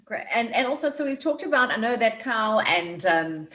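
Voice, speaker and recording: A woman's voice: fairly high pitch, lively intonation, moderate pace, sharp tone, roomy sound. A woman moderating a webinar panel, putting questions to the panelists. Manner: prompting, questioning.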